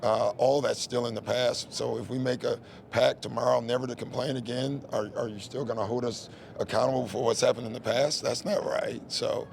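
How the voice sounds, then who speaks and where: A male head coach at a postgame press conference, speaking at a middling pitch with a gravelly edge. His delivery is candid and conversational, loose and full of "you know" and "listen" as he works through his answers. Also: fairly even intonation, fairly quick, hardly any pauses, a little mellow, slight background noise.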